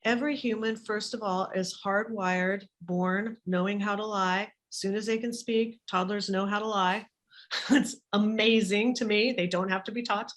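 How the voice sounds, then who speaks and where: A woman's voice: medium pitch, normal speed. Emphatic woman guest on a call. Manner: animated, emphatic, repeats words for emphasis. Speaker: guest, business author. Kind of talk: casual interview chat.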